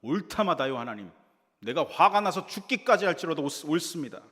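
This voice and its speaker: A man's voice: a little high, sing-song, a little fast, a bit bright, voice pushed up. A male pastor voicing a defiant, self-righteous male prophet who argues with God, insistent and protesting. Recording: reverberant church hall.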